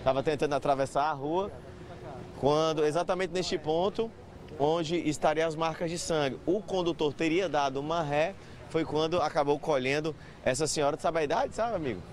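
A man's voice: fairly high pitch, normal speed. A man giving an urgent live news report from a city avenue, questioning witnesses. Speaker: street reporter. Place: busy city avenue outdoors. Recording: street traffic noise behind.

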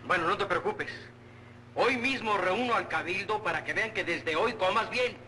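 High sharp male voice, reassuring middle-aged mayor, film comedy, long reverb. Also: normal speed. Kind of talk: 1950s Mexican film comedy acting. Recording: reverberant, hissy old film soundtrack.

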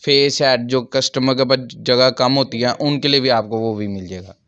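Indoors in his small, cramped furniture shop, a man in his thirties with a Pakistani accent walks an interviewer through items and prices into a handheld microphone. His medium-pitched voice is clear, resonant and fairly bright with fairly even intonation at a normal pace, but the recording is muffled.

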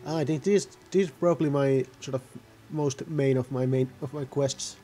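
A man's voice: medium pitch, fairly even intonation, moderate pace, warm tone, soft background music. A man giving casual, rambling gameplay commentary, often correcting himself mid-sentence. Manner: rambling, self-correcting, offhand. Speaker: gaming video host.

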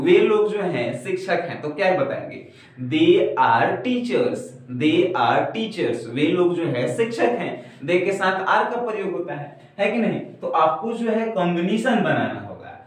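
Slow-talking young male teacher in an echoey room. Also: high-pitched, very animated, recorded from a distance. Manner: slow, repetitive teaching, saying each example twice. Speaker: spoken English teacher. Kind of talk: classroom lesson. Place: classroom in front of a whiteboard. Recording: very echoey room, heard from afar.

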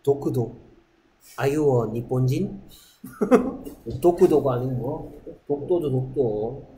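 A man's voice: mid-range voice, takes it slowly, warm tone. Man teaching English in echoey classroom. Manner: drills pronunciation, quizzes students with rhetorical questions. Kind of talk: classroom lecture. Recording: echoey classroom, faint noise.

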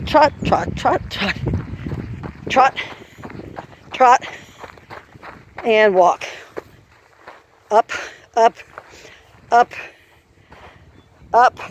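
A woman's voice: a little high, slight background noise. A woman walking an outdoor farm trail course, calling out steps and the trot rhythm as she explains each obstacle. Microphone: handheld camera while walking. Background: faint outdoor farm ambience.

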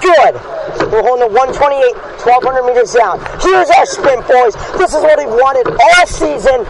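A male coxswain with a very high voice drives his rowing crew with urgent, commanding calls. He spaces out short counts and repeated words, with lively swings in pitch. It is recorded outdoors on the water, with heavy noise behind him. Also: normal speed. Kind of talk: shouted race calls to a crew. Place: outdoors in a rowing boat on a lake. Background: loud boat and water noise.

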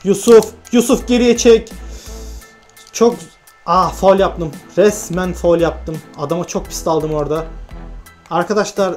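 High-voiced man commentating his own game. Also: unhurried, faint music behind. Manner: excited shouting on goals, then glum muttering to himself. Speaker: gaming YouTuber. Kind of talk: live gameplay commentary.

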